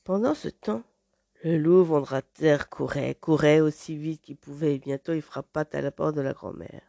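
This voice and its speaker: A woman narrating a fairy tale in an expressive, dramatic read-aloud manner. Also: low voice, moderate pace, creaky, no room sound. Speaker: storyteller.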